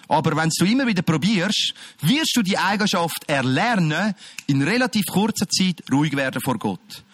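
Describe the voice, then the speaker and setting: A male preacher with a notably high voice. He speaks emphatically and addresses listeners directly, moving between loud calls and quiet, close passages. The sound is dry and close, with no room echo. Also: animated, moderate pace. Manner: emphatic, swings from shouting to quiet. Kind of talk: sermon.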